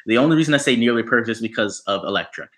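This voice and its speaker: A man's voice: medium pitch, very fast, fairly bright tone. A young man co-hosting a podcast, chatting casually and enthusiastically about his favorite shows. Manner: enthusiastic, playful. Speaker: podcast co-host. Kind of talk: casual chat.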